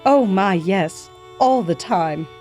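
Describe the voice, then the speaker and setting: A woman's voice: medium pitch, animated, takes it slowly, a little mellow, faint music behind. A woman playing gracious Clara Barton. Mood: earnest. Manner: genteel, calls listener "my dear" and "darlings". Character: gracious historical woman nurse, kindly and proud. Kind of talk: scripted educational acting.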